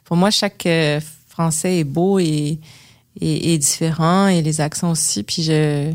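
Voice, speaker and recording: Quebec French woman, low-ish voice, rambling guest with lots of fillers. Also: steady tone, a little slow. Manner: hesitant, many fillers and restarts, digressive. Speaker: actress and director, guest. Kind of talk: casual interview chat.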